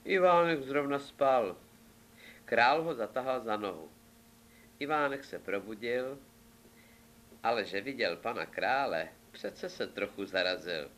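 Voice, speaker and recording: Guy telling a fairy tale, playful and lively, mid-pitch voice. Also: pauses often, a little hiss or hum. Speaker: storyteller.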